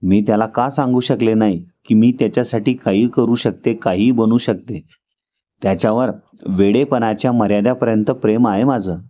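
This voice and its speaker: A man reading a first-person story aloud as a steady narrator. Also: lowish voice, moderate pace. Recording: dull lo-fi recording.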